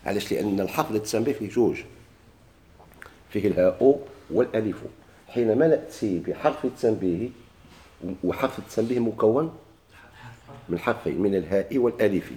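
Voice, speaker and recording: A man's voice: fairly low pitch, expressive, a little fast, long pauses, mellow. A man with a Moroccan Arabic accent teaching a grammar lesson, asking questions and answering them himself, often repeating key words. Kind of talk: classroom lesson explaining a grammar text.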